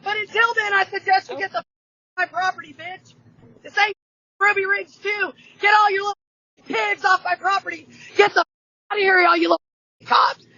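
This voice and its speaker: A woman heard through a doorbell camera speaker, angrily yelling profanity and ordering people off her property. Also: extremely high pitch, fairly even intonation, normal speed, long pauses, no echo, highs cut off. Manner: yells furious profanity, ordering officers away.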